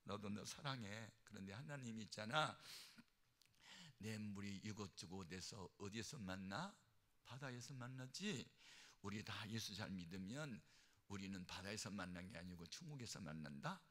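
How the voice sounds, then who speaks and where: A man voicing a calm dying young mother. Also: on the low side, normal speed, voice pushed down. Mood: tender.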